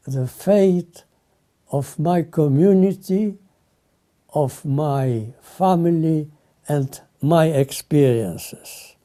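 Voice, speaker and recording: An older man from Lithuania, giving solemn spoken testimony in short, halting phrases. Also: fairly high pitch, dark tone.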